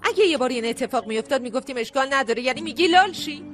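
A woman dubbing a sharp-tongued middle-aged mother who runs a restaurant and scolds with heavy sighs. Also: sits high, expressive, faint music behind. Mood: scolding. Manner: scolding, sighing. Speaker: restaurant owner. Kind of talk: dubbed drama acting.

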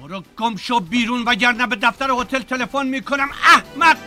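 A man's voice: very high-pitched, bright, forceful tone, faint music behind. A man voicing a stern, hot-tempered older father who blusters and trades insults in a dubbed film. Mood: angry.

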